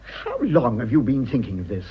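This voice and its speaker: Scornful and petulant, a male actor plays a prim middle-aged husband in a period radio drama, delivering upper-class British lines in a fussy, spluttering, condescending way. His husky, mid-range voice is exaggerated, with huge pitch swings at normal speed, and the highs are cut off.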